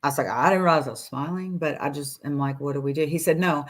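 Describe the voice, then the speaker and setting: Animated woman telling her story. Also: low-pitched, fast. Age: 40s. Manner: animated, acts out doctors' lines, laughs between phrases. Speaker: guest. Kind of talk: casual storytelling interview. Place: room at home. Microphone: video call.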